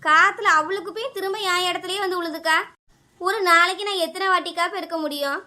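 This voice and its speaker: A high, piercing voice with a Kanyakumari Tamil accent belongs to a quarrelsome village neighbour, played by a woman. She scolds and complains without pause. Her tone is bright and sharp. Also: full character voice. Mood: complaining.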